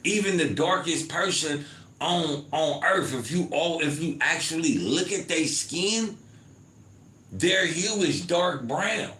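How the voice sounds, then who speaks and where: A fairly high, bright, forceful male voice with lively intonation speaks at a slow pace. The American podcast host chats casually with his audience, reads chat comments, and fills his points with "man" and "you feel me," all in a roomy home recording with faint ambience.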